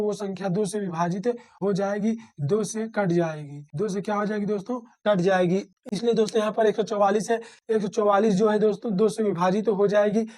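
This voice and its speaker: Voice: medium pitch, a little mellow. A teacher explaining a math method step by step, often addressing listeners as friends and answering their own questions. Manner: repeats and rephrases steps.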